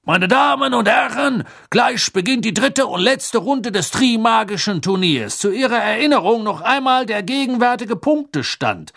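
A man doing a magically amplified booming announcer. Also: animated, moderate pace, creaky, hardly any pauses, exaggerated voice. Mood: announcing. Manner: loud, high, showy announcing. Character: jovial male tournament announcer, boisterous. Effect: magically amplified voice booming over the stands. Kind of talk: audiobook reading.

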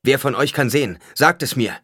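A man's voice: low-pitched, moderate pace, bright, forceful tone, breathy edge, no room sound, clean studio sound, heavily acted. A male reader voicing an anxious security agent in an audiobook, demanding answers. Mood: urgent. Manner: urgent, demanding. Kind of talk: audiobook character voice.

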